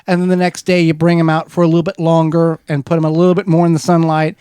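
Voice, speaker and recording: Brief: male radio co-host, slightly high voice, dry studio sound, patient how-to explainer. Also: fast, clear, resonant tone, no echo. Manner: steady, methodical how-to explaining with small restarts. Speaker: co-host of a gardening radio show.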